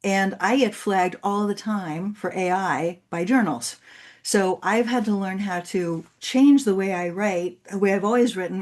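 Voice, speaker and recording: A woman with a native Spanish speaker's voice, low-ish and darkish in tone, gives a conference presentation and handles the Q&A. She comes across as an articulate, explanatory university speaker.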